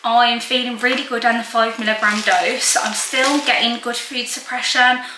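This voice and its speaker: A woman's voice: fairly high pitch, normal speed, background noise. Chatty woman in an echoey kitchen. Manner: chatty, relaxed, showing items one by one. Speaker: lifestyle vlogger. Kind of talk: casual chat to camera. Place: home kitchen, indoors. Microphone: camera on a counter in front of her.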